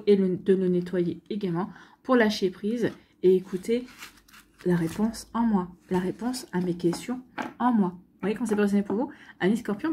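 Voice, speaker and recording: A woman giving an intuitive card reading, speaking to the listener in a gentle, reassuring, guiding manner with a slightly husky voice. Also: mid-range voice. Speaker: tarot card reader.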